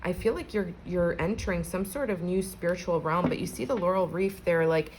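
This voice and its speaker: A woman with a notably low voice gives a relaxed collective tarot reading. She talks in a chatty, conversational way and speaks straight to her viewers. Faint noise sits behind her voice. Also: fairly quick, poor audio. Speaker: tarot reader.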